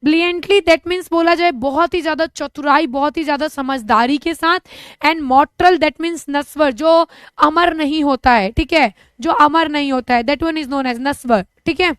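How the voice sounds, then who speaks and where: A young woman with an Indian accent runs a live online lesson. She talks in a chatty, joking way, flipping between two languages. Her voice sits high, and the sound is close and dry with no room. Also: a little slow, fairly bright tone, dry recording. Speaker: teacher.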